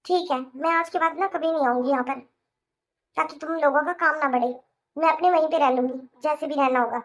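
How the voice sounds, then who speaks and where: A woman voicing a high sulky young sister. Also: fairly even intonation, moderate pace, natural voice. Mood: aggrieved. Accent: Hindi. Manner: complaining, aggrieved. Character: sulky young married woman visiting her brother. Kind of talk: cartoon voice acting.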